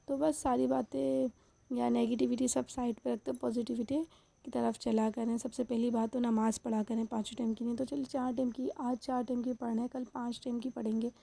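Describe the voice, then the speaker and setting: A young woman's voice, a touch high and pitched fairly flat, with a gravelly creak running through it. She talks in a chatty home-vlog way, turning often to speak straight to her viewers, with a mellow, unhurried tone. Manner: chatty, addresses viewers directly. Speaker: housewife vlogger. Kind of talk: casual home vlog chat.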